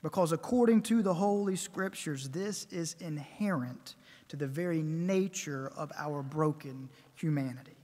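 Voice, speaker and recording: A man preaching a sermon at a pulpit microphone, measured and emphatic, building his points with repeated phrases. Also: on the high side, dark tone. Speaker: pastor. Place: church sanctuary. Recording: long church reverb.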